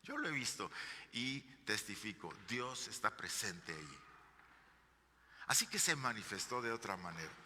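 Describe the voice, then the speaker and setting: A man preaching a sermon as pastor, fervently addressing his congregation and swinging between hushed and emphatic passages. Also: mid-range voice, big-room sound. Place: church sanctuary.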